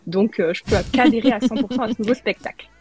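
A woman's voice: a little high, fast, a little mellow, faint music behind. A woman presenting news as a podcast co-host, chatty, with frequent fillers and self-corrections. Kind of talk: casual chat.

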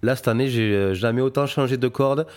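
A man's voice: mid-range voice, a little fast, darkish tone. A young man hosting a podcast in casual chat, hesitant and full of fillers. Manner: hesitant, many fillers, friendly. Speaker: podcast host, guitarist.

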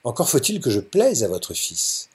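A man's voice: mid-range voice, wildly swooping pitch, moderate pace. A man voicing a serious, composed young woman tutor who asks precise questions in a storybook reading. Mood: measured.

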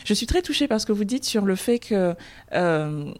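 A woman's voice: medium pitch, very animated, normal speed, a little mellow. A woman hosting a podcast interview, asking attentive questions and reflecting on her guest's answers. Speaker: podcast host.

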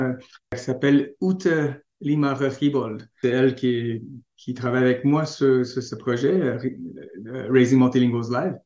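A man with a non-Parisian French accent, a podcast guest chatting casually and pausing to search for his words. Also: medium pitch, a little mellow, roomy sound, muffled recording. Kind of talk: casual chat.

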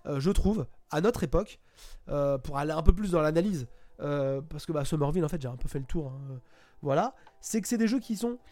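A man talks through a video game review at his computer, pausing often and restarting his sentences. His voice sits a little high for a man but sounds mellow and soft-edged. Faint music plays behind him. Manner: hesitant, many fillers and restarts. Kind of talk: casual spoken game review. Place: home, at a computer.

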